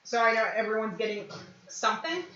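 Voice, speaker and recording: A woman's voice: on the high side, expressive, fairly quick, pushed and bright. Chatty woman cooking in an echoey kitchen. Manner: chatty, playful, laughs often. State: low energy. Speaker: cooking stream host. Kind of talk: casual cooking chat. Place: home kitchen. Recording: echoey dull home recording.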